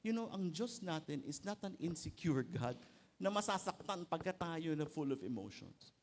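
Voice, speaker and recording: Middle-aged filipino pastor giving a sermon, pretty high voice, jokes around and keeps asking the crowd stuff. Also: male voice, normal speed. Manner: lively, joking, mixes in English with rhetorical tags.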